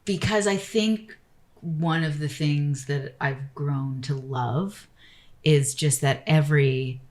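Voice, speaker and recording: A woman's voice: sits low, slow, darkish tone. A woman architect, a guest on an interview podcast, talking casually and rambling with lots of "like" and "you know".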